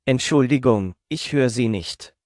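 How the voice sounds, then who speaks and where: A man slowly repeating short German phrases several times over, as a language drill. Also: medium pitch, darkish tone, dry recording, studio quality. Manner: slow, clearly spaced repetition of each phrase.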